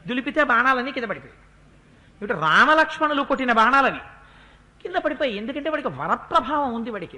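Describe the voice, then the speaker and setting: A man's voice: very high-pitched, pushed and bright. A man giving a religious discourse, retelling an epic story vividly with dramatic repetition.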